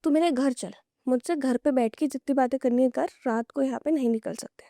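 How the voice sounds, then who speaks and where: A woman's voice: high voice, fairly quick, warm tone, dry recording, clean studio sound. A woman quoting a stern, protective old village man who scolds bluntly, in an everyday storytelling voice.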